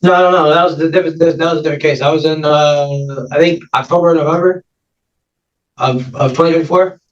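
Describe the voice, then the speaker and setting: A male defendant answers the court in quick, stammering bursts, on the defensive. He sits far from the mic, so his voice comes through muffled and dull. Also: a little high, fairly even intonation. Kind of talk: courtroom exchange.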